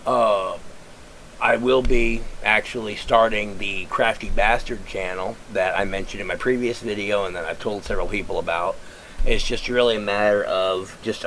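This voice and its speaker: Rambling at home in front of his webcam, this vlogger keeps restarting and dropping in "uh"s while thinking aloud. His voice is a bit low, raspy and congested yet fairly bright. It's a low-quality recording with a faint room hum.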